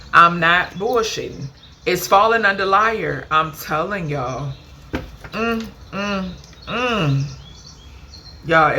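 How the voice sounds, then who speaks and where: A woman's voice: fairly low pitch, pushed and bright, slight background noise. A woman giving a casual channeled card reading to her viewers, chatty and emphatic, ending nearly every phrase with a questioning "okay?". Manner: emphatic, swears casually, calls viewers "baby" and "honey". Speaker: spiritual card reader.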